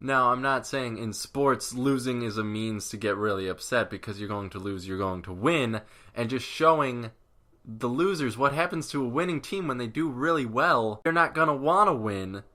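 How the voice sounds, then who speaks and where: Bright-voiced man ranting sarcastically. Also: mid-range voice, moderate pace. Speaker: vlogger. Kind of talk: casual commentary vlog.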